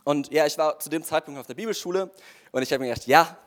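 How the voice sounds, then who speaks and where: A man's voice: on the high side, quick pace. A young man giving an earnest, casual sermon-style testimony, speaking straight to his listeners with frequent fillers.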